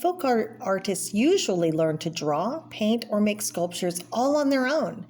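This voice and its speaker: Reading a children's art book to an imagined audience of young listeners, a woman explains things plainly and drops in brief personal asides. Her mid-range, slightly mellow voice is very animated yet unhurried. The homemade video has clear background noise.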